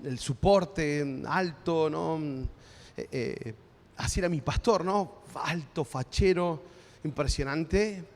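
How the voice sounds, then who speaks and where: A male pastor with an Argentine accent preaches in an easy, conversational way and keeps checking in with his listeners. His voice sits high for a man. The sound carries a long reverb from a church hall. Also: takes it slowly. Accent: Argentine Spanish. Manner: conversational preaching with frequent tag questions. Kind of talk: sermon.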